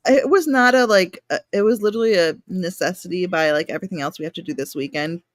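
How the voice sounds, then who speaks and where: A woman's voice: on the low side, fast, dry recording. A tired woman in her thirties, co-hosting on a video call, talking in a rambling, self-deprecating way. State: tired, yawning. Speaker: co-host. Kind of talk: casual chat.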